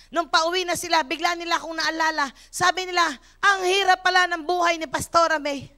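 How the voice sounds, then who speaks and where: A middle-aged woman pastor preaching a sermon, telling lively, humorous stories and switching between Tagalog and English. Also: very high voice. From Philippines. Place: church service.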